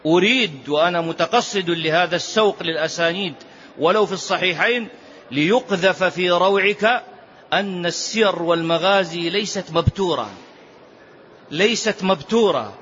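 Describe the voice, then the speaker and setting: A man's voice: on the high side, fairly quick, fairly bright tone, slight background noise. A man teaching a religious lesson on prophetic biography, reciting narrations emphatically and repeating key phrases. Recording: dull lo-fi lecture recording.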